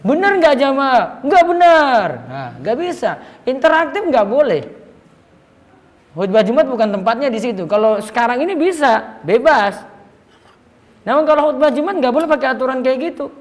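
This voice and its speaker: A man's voice: very high-pitched, animated, moderate pace, pauses often. A man giving a religious lecture, reading out listeners' questions and answering them plainly. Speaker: Islamic teacher. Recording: echoey hall reverb.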